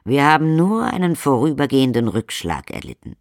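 A man's voice: medium pitch, sing-song, a little fast, no echo, clean studio sound, voice pushed up. A man voicing a stern, pompous vampire count speaking to his family. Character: stern, self-assured vampire count, father.

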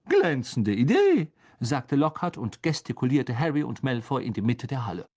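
A man narrating a children's fantasy novel in a measured, expressive reading voice. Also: medium pitch. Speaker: audiobook narrator. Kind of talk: storybook narration.

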